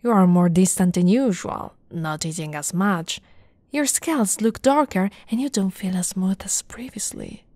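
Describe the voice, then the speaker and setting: A young woman plays an affectionate, teasing lamia girlfriend in an ASMR roleplay, soft-spoken and often whispering into a close, dry mic. Her medium-pitched, expressive voice sounds curious and concerned, with a slow, breathy, coaxing delivery full of pet names.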